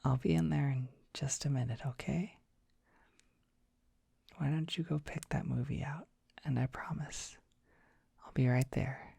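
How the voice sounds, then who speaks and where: In this ASMR roleplay, a performer voices a gentle, shy, dorky young dragon boy who tenderly comforts the listener with tender concern. His medium-pitched whisper is very husky and breathy, heavily creaky at the edges, with fairly even intonation, and he speaks slowly and shyly, pausing softly as he soothes. The delivery is exaggerated and the recording is dry.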